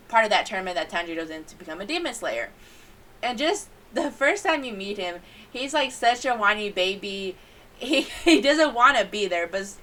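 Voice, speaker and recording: A young woman reviews an anime in a loose, rambling vlog style, giggling as she goes. Her voice is bright and sharp. She sits a little away from the microphone, so she sounds slightly distant. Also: medium pitch. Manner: rambling, animated, giggly storytelling.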